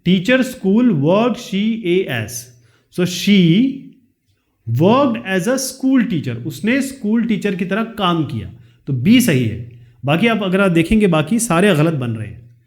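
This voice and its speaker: A man, teaching a lesson. He reads each question slowly, then explains the answer in quick chat. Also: high-pitched, big pitch swings, darkish tone.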